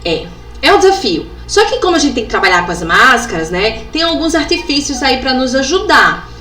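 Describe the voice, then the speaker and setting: Bright-voiced woman teaching. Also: high-pitched, sing-song, soft background music. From Brazil. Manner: demonstrative, sounds out letters and syllables slowly, frequent tag questions. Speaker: educational psychologist teaching a workshop. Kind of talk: instructional workshop talk. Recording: echoey room with faint background noise.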